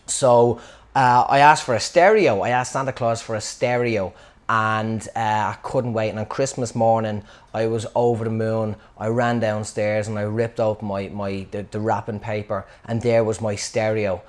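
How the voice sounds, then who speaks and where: In casual comic storytelling, a man from Dublin, Ireland, with a Dublin Irish accent recounts a funny childhood story in a wry, rambling, self-mocking way. His voice is lowish and steady, at normal speed.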